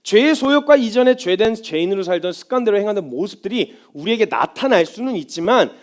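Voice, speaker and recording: A man's voice: high-pitched, expressive, a little fast. A man preaching as a missionary, in a conversational style that often slips into acting out inner thoughts. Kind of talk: sermon.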